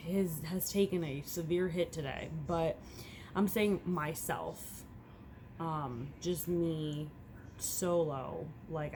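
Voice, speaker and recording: A young woman, a first-time mother, chats candidly and somewhat aimlessly in a casual home vlog, her deep voice swinging between hushed and loud. Background noise can be heard.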